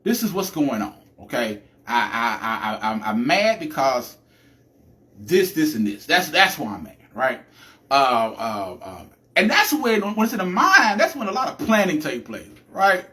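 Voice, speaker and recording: A man hosting a live podcast, talking through a chatty, animated monologue with a preacher-like cadence and lots of restarts. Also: fairly high pitch, measured pace. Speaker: podcast host.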